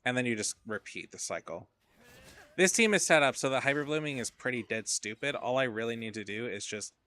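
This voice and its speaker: A game streamer with a mid-range, sharp-toned voice casually commentates his gameplay, rambling and swearing. He grows tired as he plays, slipping in drowsy asides.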